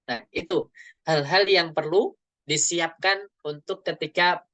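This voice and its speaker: A man, a public speaking trainer giving a webinar talk and explaining step by step, often tagging his phrases with a soft "gitu ya". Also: on the high side, measured pace, no echo.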